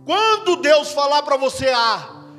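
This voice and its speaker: Man, Brazilian accent, very high voice, animated preacher, direct to congregation, music underneath. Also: slow pace. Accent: Brazilian Portuguese. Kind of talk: sermon. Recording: long hall reverb with music behind.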